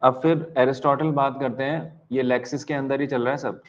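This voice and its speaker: A man with an Indian accent teaching an exam-prep lecture, mixing Hindi and English, dictating slowly, repeating key lines and spelling words out letter by letter. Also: mid-range voice, steady tone, lo-fi sound.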